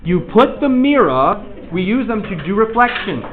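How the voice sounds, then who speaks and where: Students chatter behind a man who teaches in a high, sing-song voice at a moderate pace. He casually calls on each student in turn and encourages their answers, all captured in a tinny lo-fi recording.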